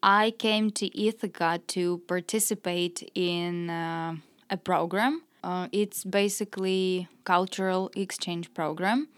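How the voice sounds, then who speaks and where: A woman's voice: on the low side, fairly even intonation, slow pace, clean tone, no echo. A woman from Ukraine, a former English teacher, answering thoughtfully and searching for words. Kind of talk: interview answers.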